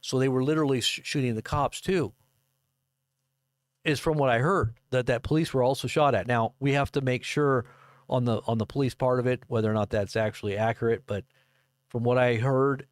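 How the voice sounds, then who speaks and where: Man in his fifties, mid-pitched voice, dry close microphone, casual live news commentary, halting delivery. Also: dry recording. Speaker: livestream commentator. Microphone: close desk microphone.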